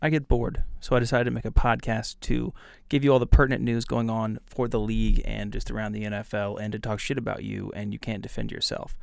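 A man hosting a casual solo podcast in a gravelly voice that sits on the low side. He talks bluntly and trash-talks his listeners, with plenty of ums and uhs. The sound is dry and close, with no room echo. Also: flat delivery, brisk, hardly any pauses. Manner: blunt, trash-talking, with many fillers. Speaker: podcast host.

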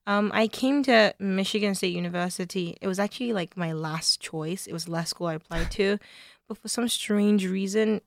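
A woman's voice: medium pitch, normal speed, creaky, no echo, studio quality. A young woman from Nigeria, a journalism student, answering interview questions in a chatty way with many likes. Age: young adult.

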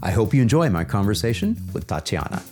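Very animated and quick, this man's low-leaning, darkish voice carries a casual interview over a video call with faint music behind. As podcast host, he gushes enthusiastically and repeats words for emphasis.

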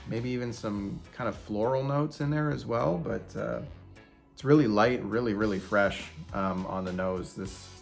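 Chatty male whisky vlogger, gravelly edge. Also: lowish voice. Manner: chatty, rambling with fillers and restarts. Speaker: whisky reviewer host. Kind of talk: casual whisky tasting vlog.

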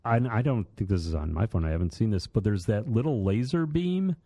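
A man co-hosting a podcast in relaxed, rambling chat, often repeating words as he talks. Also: on the low side, brisk. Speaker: podcast co-host. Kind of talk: casual chat.

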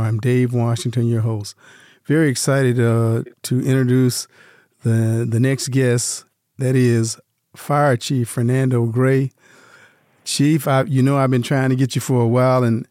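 A man's voice: medium pitch, dark tone, no echo, clean studio sound. A male radio show host doing an interview in an easygoing, conversational way.

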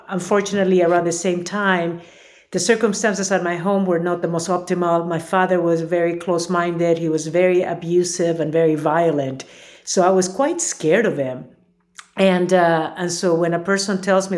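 A woman's voice: fairly low pitch, a little mellow. A woman from Peru, a memoir author, telling her life story earnestly as a podcast guest. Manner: earnest, reflective, with many fillers. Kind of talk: personal interview.

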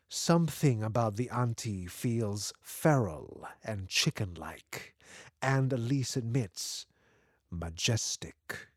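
A man's voice: medium pitch, a little mellow, no room sound, studio quality. A man narrating a literary story from a script.

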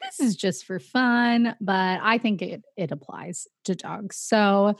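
A woman's voice: medium pitch, slow, dry recording, studio quality. A woman co-hosting a podcast on a radio station, chatting in a lighthearted, casual way. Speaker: podcast co-host. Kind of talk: casual chat. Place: radio studio.

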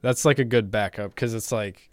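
A man's voice: on the low side, fairly even intonation, normal speed, no room sound, clean studio sound. A young man interviewing in a casual, agreeable chat with informal, youthful wording.

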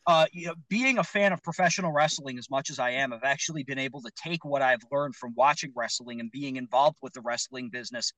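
A man's voice: medium pitch, quick pace, hardly any pauses, no room sound, rough recording. A man, a magician guest, chatting casually. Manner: animated, chatty, acts out quotes. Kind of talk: casual chat.

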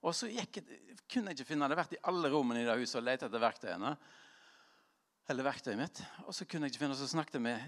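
A man's voice: mid-range voice, expressive, a bit bright. A man speaking to a live audience in an informal sermon-style talk, rambling and self-deprecating, laughing often, with many fillers and restarts.

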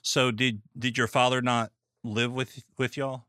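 A man's voice: medium pitch, flat delivery, measured pace, sharp tone, dry recording, clean studio sound. A man hosting a podcast interview in an easygoing way, with short affirmations. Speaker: podcast host. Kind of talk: conversational interview.

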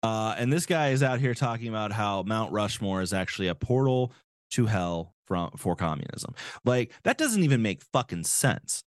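A male podcast host ranting sarcastically in a casual comedic style, swearing freely. His pitch swings widely with lively intonation, and the sound is dry and close to the mic. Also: normal speed, dry recording.

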